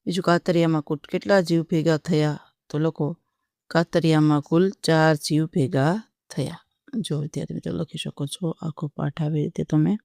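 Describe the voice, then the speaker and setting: A teacher welcoming students and dictating workbook answers question by question, in a steady, methodical way. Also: mid-range voice, normal speed, creaky, dry recording, clean studio sound.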